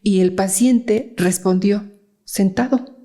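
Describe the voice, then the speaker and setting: A woman's voice: on the low side, fairly even intonation, measured pace, gravelly, mellow. A woman child psychiatrist, explaining cases in a conversational interview, with fillers and frequent "¿sí?" checks. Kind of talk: explanatory interview talk with anecdotes.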